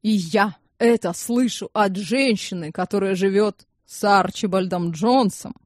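A woman reading an audiobook, voicing a sardonic older man who speaks in slow, elaborate sentences. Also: mid-range voice, dry recording, studio quality, natural voice.

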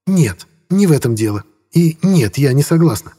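A cold, sarcastic businesswoman with a raised, husky voice, as a male audiobook reader puts her on. She speaks coolly and with biting irony. The tone stays dark and mellow despite the lift. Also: a little high, lively intonation, moderate pace, voice pushed up. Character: cool sharp-tongued businesswoman.

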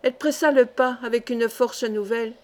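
A woman's voice: a little high, darkish tone. Woman narrating a story. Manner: measured, clear storytelling. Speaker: audiobook reader. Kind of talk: audiobook narration.

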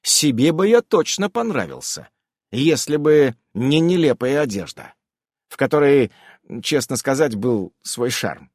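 A man narrating a fantasy audiobook in a wry, animated storytelling manner. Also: medium pitch, unhurried, no room sound, studio quality.

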